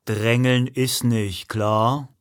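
Brief: brawny, bullying holidaymaker, read by a man, slow and threatening. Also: mid-range voice, steady tone, clean tone. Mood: menacing. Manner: slow, menacing drawl. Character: huge, bullying, tanned male tourist.

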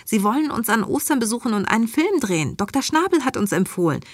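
A woman's voice: on the high side, big pitch swings, fast, no echo, studio quality, voice pushed up. Woman doing a fed-up teenage son. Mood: exasperated.

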